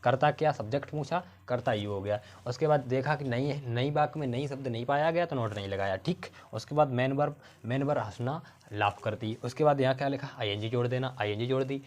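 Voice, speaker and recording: A man teaching an English grammar lesson, explaining each step and often checking with his pupils whether they follow. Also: medium pitch. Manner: explains step by step, asks the pupils questions again and again; slows down to spell out words.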